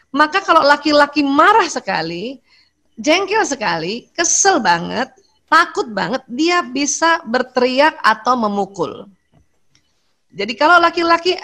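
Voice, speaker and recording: A middle-aged woman with an Indonesian accent, speaking to a women's study group about marriage in a lively way and acting out short dialogues. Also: a little high. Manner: animated, acts out short dialogues.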